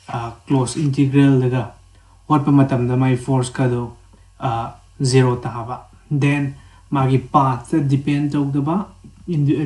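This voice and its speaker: Manipuri accent guy teaching physics, dark relaxed voice, roomy echo, goes over definitions step by step. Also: medium pitch. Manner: repeats key phrases, explains step by step. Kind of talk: classroom lesson mixing read-out definitions with explanation. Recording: roomy, echoing voice recording.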